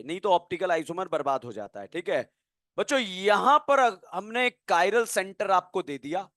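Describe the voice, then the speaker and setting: A man teaching chemistry in a lively classroom lecture, playfully quizzing students with call-and-response questions. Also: high-pitched, no echo, clean studio sound.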